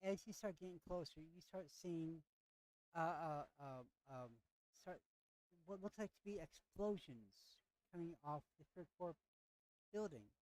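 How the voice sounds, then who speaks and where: A game master narrating a tabletop role-playing game at a moderate pitch, restarting phrases again and again as the scene unfolds. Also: measured pace, darkish tone, no room sound, poor audio. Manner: stammering, many repeated words.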